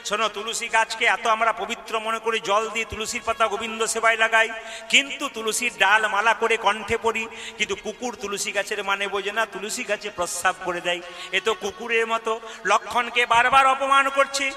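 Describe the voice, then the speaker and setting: A man's voice: sits high, steady tone, normal speed, bright, forceful tone, long reverb tail. A man telling a devotional story as a kirtan singer, speaking straight to the women listening and acting out the figures' voices. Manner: addresses the women in the audience, asks them to answer aloud.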